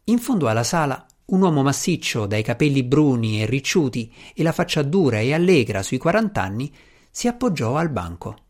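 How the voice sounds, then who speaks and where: A man reads an audiobook chapter aloud, steady and measured, at a middle pitch. His delivery stays even and unhurried throughout the narration. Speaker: audiobook reader.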